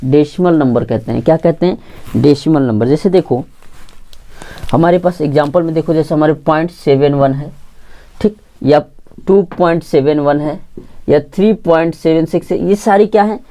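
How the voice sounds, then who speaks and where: A woman with a low, mellow voice teaches an online math lesson for exam preparation. She repeatedly poses questions to the class and answers them herself, repeats key points, and checks in with "theek" again and again.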